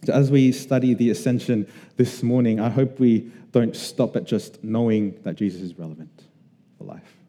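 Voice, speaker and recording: A man from Australia preaches in an earnest, conversational way, slowing for emphatic pauses. His voice is very dark and mellow. The sound rings with the long reverb of a church hall. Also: mid-range voice. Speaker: pastor. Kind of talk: sermon.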